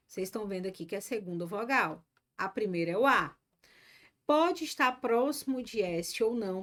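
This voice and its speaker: A middle-aged woman from Ceará, teaching a live online grammar lesson and chatting encouragingly with her students. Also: on the high side. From Ceará, Brazil.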